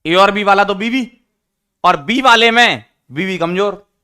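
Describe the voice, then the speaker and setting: A man teaching an online chemistry lesson, teasing his students and repeating key rules slowly for emphasis. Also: high-pitched, sharp tone, clean tone. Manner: teasing, addresses students as beta.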